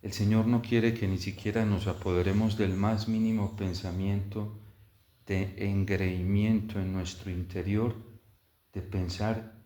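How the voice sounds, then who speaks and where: A male priest delivers scripture and homily in a solemn, measured way. His voice is fairly low and very unhurried, carried by strong cathedral-like echo. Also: level tone, dark tone. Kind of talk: solemn liturgical Gospel reading and homily. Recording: echoey, cathedral-like church reverb.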